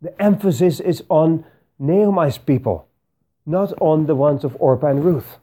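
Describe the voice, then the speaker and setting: Male preacher, warm dark tone, earnest emphatic sermon delivery, direct appeals to the congregation. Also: on the high side, measured pace.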